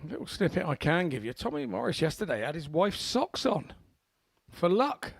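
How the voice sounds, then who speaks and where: Higher, slightly gravelly male darts pundit. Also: sing-song, normal speed, dry recording. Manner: informal, rambling asides. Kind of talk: chatty live sports commentary.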